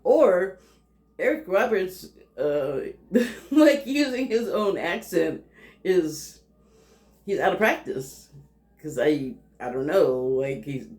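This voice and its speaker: A woman's voice: fairly low pitch, lively intonation, slow pace, darkish tone. Lady rambling about a tv show, lots of laughs and ums, echoey room sound. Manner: rambling, laughs often, many fillers. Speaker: TV critic. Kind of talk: casual TV review monologue. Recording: roomy echo.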